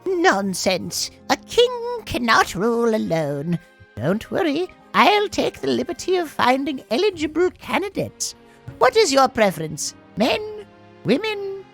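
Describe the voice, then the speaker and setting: A man voicing a bossy, nagging elderly queen mother in a creaky old hag voice, for a game. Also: extremely high pitch, wildly swooping pitch, a little slow, fairly bright tone, faint music behind, voice pushed up, full character voice.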